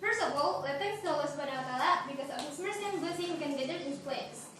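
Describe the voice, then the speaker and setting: Teen girl, student presenter, stop-start delivery, high voice, boomy room. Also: animated. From Indonesia. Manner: halting, many fillers and restarts. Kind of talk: classroom presentation. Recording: echoey room, noisy, far from mic.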